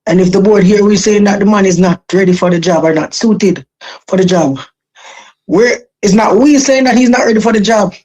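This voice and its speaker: A woman with a Jamaican accent and a husky voice, making an argument casually as a guest on a talk show. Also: mid-range voice, brisk, dark tone. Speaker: call-in guest.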